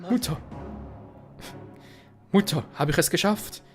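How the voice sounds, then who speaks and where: A man's voice: sits high, expressive, takes it slowly, faint music behind, pitched above the performer's own voice. A man voicing an earnest young man, a wounded pegasus rider, reading game dialogue aloud in a let's play. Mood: urgent.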